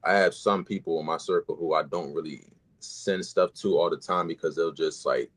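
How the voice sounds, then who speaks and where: A man's voice: extremely low pitch, fairly even intonation, normal speed, fairly bright tone, breathy edge. A man speaking as a guest in a casual podcast chat, easygoing and plainspoken.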